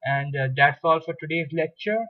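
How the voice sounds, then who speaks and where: A man teaching a recorded video lesson on French articles, explaining slowly and patiently, repeating each example. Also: a little high, no echo. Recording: dull lo-fi recording, dry.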